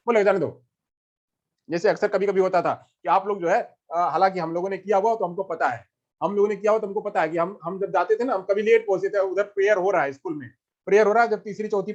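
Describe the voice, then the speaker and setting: A male teacher giving an exam-prep lecture, repeating himself and asking questions he then answers. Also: high voice. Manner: repetitive, asks and answers his own questions. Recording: dull lo-fi recording.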